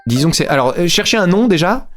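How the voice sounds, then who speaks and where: A playful man chats casually on a stream, joking as he tries out voices. His somewhat high voice rises and falls in a lively way. Music plays clearly behind him. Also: quick pace. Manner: playful, laughing, tries silly accents. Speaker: streamer doing voice impressions.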